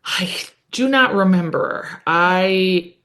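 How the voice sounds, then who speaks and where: A woman's voice: lowish voice, takes it slowly, a bit bright. A woman co-hosting a podcast, recapping a TV episode in casual chat full of fillers and self-corrections. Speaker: podcast co-host.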